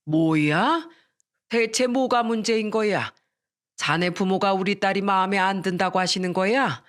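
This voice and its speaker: A woman voicing a warm, hearty middle-aged father who draws his words out. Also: medium pitch, unhurried, natural voice.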